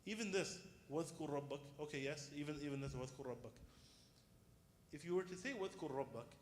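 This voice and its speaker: Higher-voiced male teacher in an echoey room. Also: a little fast. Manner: questioning, explanatory, repeats key points. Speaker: Islamic teacher. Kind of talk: informal interactive religious lesson. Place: indoors in a reverberant room. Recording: echoey reverberant room, faint rumbling noise.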